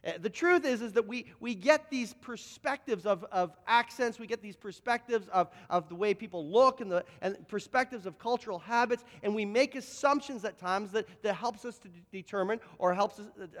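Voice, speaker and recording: A pastor with a notably high voice for a man tells stories from the pulpit. He keeps stumbling into quick repeats and restarts as he builds each point. His voice rings out with a long reverb, as if across a church hall. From Canada, Toronto. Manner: lively anecdotes, frequent word repeats and restarts. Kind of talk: storytelling sermon.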